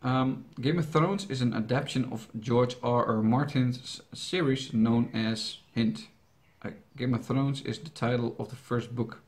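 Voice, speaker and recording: Speaking English though his first language is Dutch, a young Netherlands-born YouTube reaction host takes viewer questions. The mid-range voice is darkish, fairly even in intonation, and unhurried, yet with hardly any pauses. He comes across as rambling and hesitant, joking as he goes, with lots of fillers and restarts.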